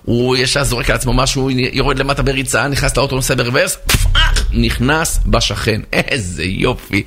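A man, a rabbi, telling a parable in a sermon, animated, with sound effects and acted voices. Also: medium pitch, noisy background. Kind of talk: storytelling sermon.

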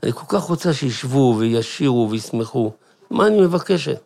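A man voicing a distraught, overwhelmed mother in a plaintive, higher voice as he retells her words. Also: expressive, gravelly, a little mellow. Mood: pleading.

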